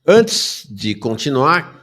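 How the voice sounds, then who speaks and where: Lively Brazilian talk-show host. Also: male voice, mid-range voice, drawn-out words. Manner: lively, chatty, reads viewer comments. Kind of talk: live-stream talk show.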